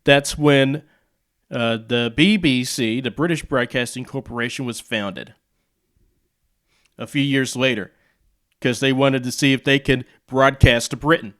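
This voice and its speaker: An American video host and radio hobbyist explains things off the cuff at a measured pace, drifting into rambling, conversational asides. His medium-pitched voice has a fairly bright tone.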